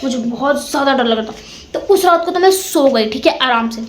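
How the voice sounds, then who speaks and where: A young woman with a very high voice tells a ghost story in a casual, dramatic way. She piles up repeated words to build suspense. Her voice rings in an echoey room. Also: animated, fairly quick, a little hiss or hum.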